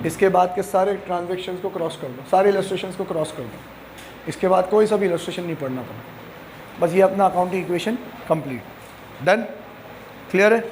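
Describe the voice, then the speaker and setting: A man's voice: high voice, brisk, darkish tone, a little hiss or hum. A man teaching an accounting class, asking questions and answering them himself, mixing English terms into Hindi and teasing his students. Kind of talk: classroom lecture.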